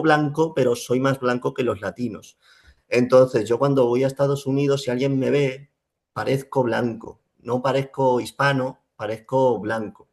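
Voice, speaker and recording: Gravelly-voiced man. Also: medium pitch, darkish tone. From Spain. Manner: reflective, many fillers and restarts. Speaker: Spanish teacher, guest. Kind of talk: casual interview talk.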